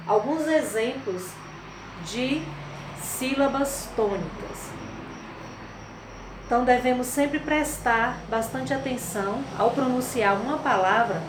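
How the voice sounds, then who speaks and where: Slow, patient woman teacher. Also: mid-range voice, a little hiss or hum. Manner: slow, patient, stresses syllables loudly. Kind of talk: children's lesson. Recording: echoey room, faint crickets.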